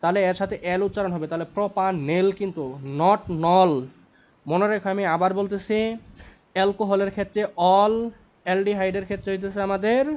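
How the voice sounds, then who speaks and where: A man's voice: sits high, level tone, quick pace, darkish tone. A young man teaching chemistry, repeating points and checking in with tag questions. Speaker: chemistry tutor. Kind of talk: lecture at a whiteboard. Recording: dull lo-fi recording.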